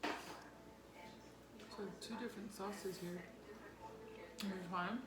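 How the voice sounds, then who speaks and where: A woman's voice: mid-range voice, steady tone, slow, crowd noise. A mother chatting casually over a family mukbang meal at home. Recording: roomy echo, loud noise with clicks.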